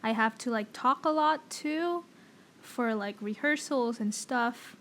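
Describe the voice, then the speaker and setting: A young woman co-hosting a casual podcast is losing her voice, which sounds a bit worn from singing, and she says "like" a lot. Her voice is a little high and a bit bright, she speaks slowly, and there's a little hiss or hum.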